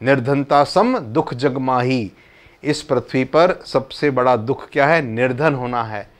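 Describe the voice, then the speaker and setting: A man slowly explaining the words of a devotional hymn, reciting verses and then patiently repeating what each word means. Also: medium pitch. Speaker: religious teacher explaining a hymn.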